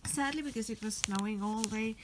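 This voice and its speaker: A young Estonian woman chats enthusiastically in a casual vlog voice-over, repeating "really" often. Her voice is on the high side and brisk, with background noise behind it.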